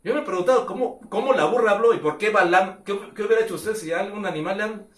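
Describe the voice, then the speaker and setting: A man's voice: high voice, fast, fairly bright tone. A man with a Mexican Spanish accent preaching a sermon, retelling a story and acting out its characters with a raised voice. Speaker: pastor. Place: church. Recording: echoey church room, voice from far off.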